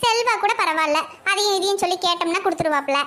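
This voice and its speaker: A woman's voice: very high-pitched, fast, bright, forceful tone. A woman voicing a scheming young cartoon housewife with a Kanyakumari Tamil accent, fretting and muttering to herself. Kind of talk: cartoon voice acting.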